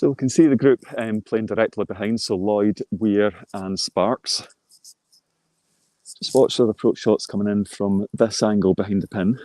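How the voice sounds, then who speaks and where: Low-voiced man commentating on golf. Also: steady tone, normal speed, mellow, dry recording. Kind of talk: live golf commentary, informal and explanatory.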